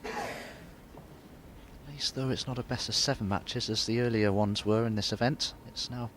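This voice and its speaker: A man giving measured, reflective live snooker commentary. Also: mid-range voice, fairly even intonation, fairly bright tone. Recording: crowd and noise behind, broadcast arena. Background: arena crowd ambience.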